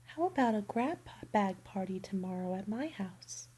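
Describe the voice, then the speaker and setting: A woman voicing a friendly cat from a children's storybook, in a soft whisper. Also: mid-range voice, expressive, normal speed, slightly rough. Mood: cheerful. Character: friendly cat hosting a tea party.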